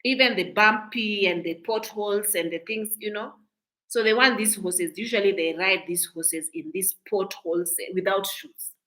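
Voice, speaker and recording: A woman with a Kenyan accent delivers reaction commentary straight to her viewers. Her voice sits at an ordinary middle pitch. She talks in an outspoken, indignant way, repeating and restarting phrases as she makes her points. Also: moderate pace, fairly bright tone, poor audio. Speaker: commentary vlogger.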